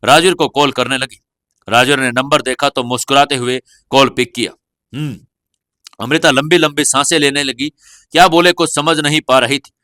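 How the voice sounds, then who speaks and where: A man narrating a serialized audio novel in a steady storytelling manner. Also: mid-range voice, normal speed, dry recording, clean studio sound. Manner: steady storytelling, voicing every character.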